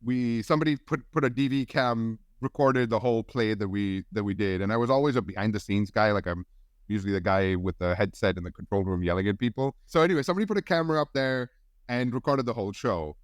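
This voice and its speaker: A man in his forties from India, a guest on a podcast, telling his story in a relaxed, rambling way with many restarts. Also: lowish voice, quick pace, no room sound, studio quality. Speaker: guest film editor. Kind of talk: casual podcast interview.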